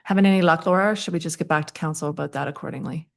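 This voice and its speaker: A woman on municipal staff answering councillors' questions at a meeting, in a measured way with frequent ums. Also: deep voice, vocal fry. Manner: measured, many ums, repeats "accordingly".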